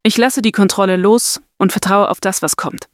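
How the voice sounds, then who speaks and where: A woman leads a guided meditation in a soft, soothing voice. Her pitch sits in the middle range, and each phrase is delivered slowly and deliberately, like scripted affirmations. The sound is close and dry. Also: fairly even intonation, no echo.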